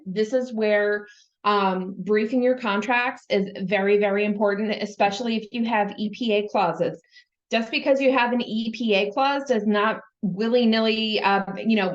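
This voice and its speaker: A woman's voice: mid-range voice, highs cut off. A woman giving a webinar presentation, explaining slide by slide in a conversational way with many fillers. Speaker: presenter on government contract auditing.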